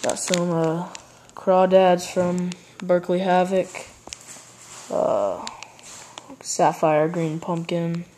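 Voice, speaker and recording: Teen boy doing a slow unboxing vlog at home, lots of uhs, handheld cam, plastic bags crinkling loud. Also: sits high, noisy background. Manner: halting, unhurried, many fillers while handling items. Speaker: fishing channel host. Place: indoors at home, wooden floor with red rug. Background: bag crumpling and clicks.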